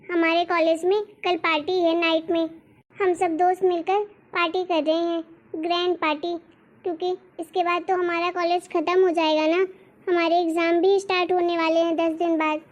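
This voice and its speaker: A woman's voice: very high voice, little pitch movement, moderate pace, highs cut off. A woman voicing a spoiled, demanding young college girl in a cartoon story. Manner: whiny and demanding. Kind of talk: cartoon voice acting.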